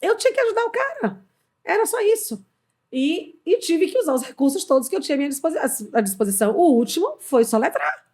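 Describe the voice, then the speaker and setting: A woman's voice: very high-pitched, fast talker. A middle-aged woman with a Brazilian accent telling a workplace story on a podcast, acting out the dialogue. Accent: Brazilian Portuguese. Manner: animated storyteller, acts out quoted dialogue. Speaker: HR consultant, podcast guest. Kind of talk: casual storytelling in a podcast conversation.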